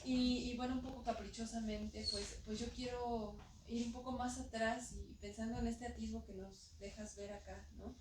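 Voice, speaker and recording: A woman's voice: on the high side, fairly even intonation, normal speed, hardly any pauses. A woman presenting at a book event, asking the author questions in a hesitant way, full of fillers and restarts. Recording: roomy hall, far from mic, noisy.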